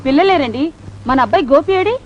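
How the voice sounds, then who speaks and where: A brazen past-life wife, rapid and insistent. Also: female voice, high voice, animated. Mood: insistent, coy. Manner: rapid, insistent, flirtatiously familiar. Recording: noisy lo-fi film soundtrack.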